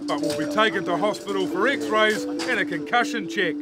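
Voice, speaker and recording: New man, high voice, scripted documentary narration, music underneath. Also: normal speed.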